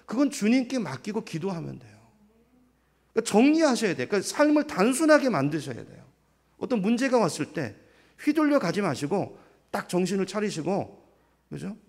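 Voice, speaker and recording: High, lively Korean pastor preaching. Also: male voice, fairly quick. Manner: animated preaching, rhetorical questions to the congregation; acts out quoted voices of others. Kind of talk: sermon.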